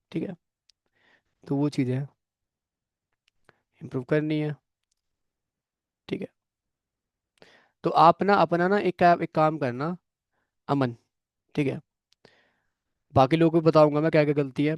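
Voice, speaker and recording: A young man leads a programming class, speaking bluntly but encouragingly to students in the room and online. His voice sits a little high, and the recording is dry with almost no room sound. He keeps pausing to check that everyone is following. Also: a little mellow, no echo. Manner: frank, coaching tone, frequent "theek hai" check-ins. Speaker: programming course instructor.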